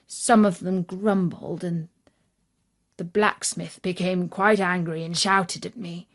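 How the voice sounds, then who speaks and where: With a mid-range voice, a British woman reads a scripted children's story aloud in a measured, expressive storyteller's manner.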